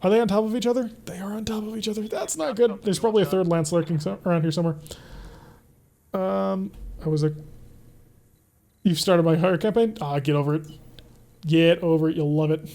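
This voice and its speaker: A man's voice: high voice, fairly even intonation, fairly quick, vocal fry, long pauses, dark tone. A young man streaming a mech strategy game, chatting casually and answering his live chat as he plays. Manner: chatty, reads and answers chat while playing. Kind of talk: casual gameplay commentary.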